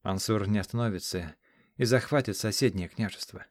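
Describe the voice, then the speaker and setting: A man reading the lines of an exiled desert king in an audiobook, measured and solemn. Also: lowish voice, no echo, clean studio sound, natural voice. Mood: grave.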